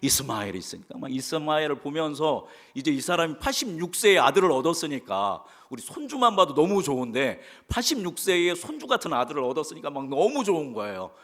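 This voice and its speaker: Male pastor, animated rise-and-fall delivery, question-and-answer preaching, long church-hall reverb. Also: a little high, a little fast, hardly any pauses. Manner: asks the congregation questions and answers them. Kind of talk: sermon. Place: church sanctuary.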